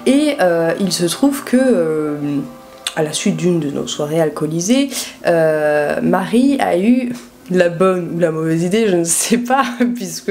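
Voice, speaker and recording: Low-pitched young Frenchwoman telling a casual story. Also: darkish tone. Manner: informal, slangy, addresses the viewer directly. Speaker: vlogger telling a personal story.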